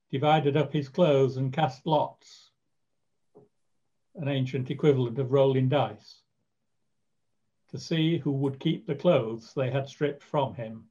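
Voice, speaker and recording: A man narrating scripture in a measured, storytelling way. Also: medium pitch, warm tone, husky, highs cut off.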